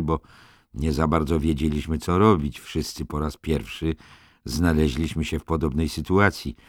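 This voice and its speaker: Brief: male audiobook narrator, extremely deep, dry studio sound. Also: dry recording. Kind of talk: scripted narration.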